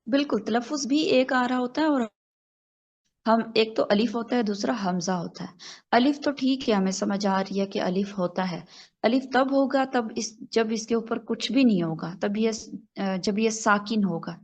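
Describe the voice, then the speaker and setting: A woman's voice: fairly high pitch, darkish tone, highs cut off. A woman teaching an online class over a video call, patiently correcting her students step by step. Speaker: Quran recitation teacher.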